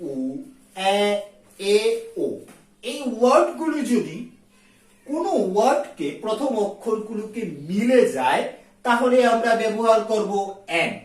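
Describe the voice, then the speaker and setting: A woman teaching an English grammar lesson, repeating each sound slowly to drill it. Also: fairly high pitch, sing-song, a little mellow. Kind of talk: explaining grammar in a video lesson. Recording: echoey room, far from the mic.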